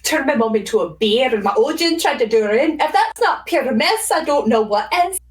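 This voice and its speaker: High-voiced woman, set back from the mic. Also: animated, a little fast, distant mic, low-quality recording. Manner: chatty storytelling of fun facts. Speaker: podcast guest. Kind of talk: casual chat.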